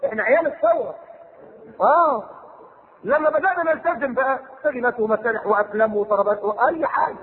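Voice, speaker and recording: Man, Egyptian accent, preacher, theatrical, rapid delivery, tinny old tape, long reverb. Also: very high voice. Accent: Egyptian Arabic. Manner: theatrical, acts out people and jokes with the audience. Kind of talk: recorded sermon lecture. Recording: tinny lo-fi recording with long hall reverb and faint hiss.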